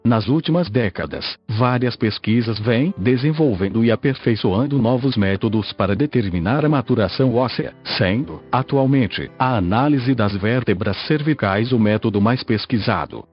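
A man's voice: medium pitch, animated, normal speed, few pauses, muffled recording, faint music behind. A synthesized man's voice with a Brazilian accent, reading a podcast script stiffly and mechanically like an old speech synthesizer. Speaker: podcast host. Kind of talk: scripted narration, reading an article aloud.

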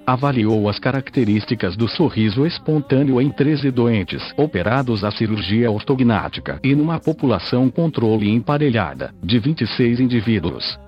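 A synthesized male voice serving as podcast host, reading a scientific article aloud in a measured, even delivery. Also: mid-range voice, highs cut off, faint music behind.

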